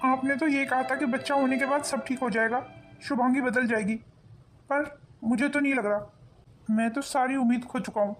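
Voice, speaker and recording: A woman's voice: high voice, steady tone, moderate pace, soft background music, close to an everyday voice. A woman voicing a frustrated, jobless young husband in a cartoon family drama, complaining in an exasperated way. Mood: fed up.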